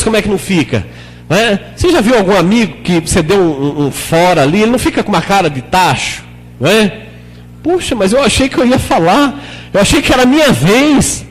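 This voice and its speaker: A man's voice: in a large hall, low-quality recording. A man preaching a sermon as a pastor, talking conversationally and often putting questions to the congregation. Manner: acts out prayers in a lower, softer voice. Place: church hall.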